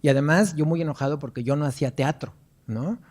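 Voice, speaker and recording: Mexican guy lecturing, chatty storyteller, keeps tacking on questions, warm mellow voice. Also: a little high, fast. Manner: chatty, anecdotal, frequent tag questions. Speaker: guest lecturer, performance artist.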